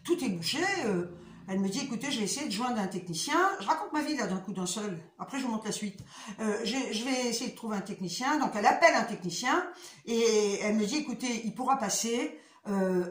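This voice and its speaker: A woman's voice: fairly high pitch, fairly bright tone, echoey room. A woman vlogger chatting casually to her viewers, retelling conversations and swearing freely.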